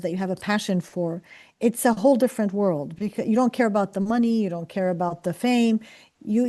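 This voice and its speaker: Middle-aged woman professor, mellow tone, reflective and earnest, lots of fillers and restarts. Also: medium pitch. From Palestine. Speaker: professor and scientist. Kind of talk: career talk to students.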